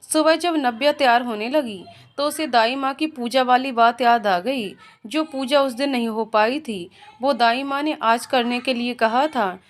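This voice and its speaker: A woman reading a scripted story aloud as its narrator, in an even, expressive way. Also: high voice.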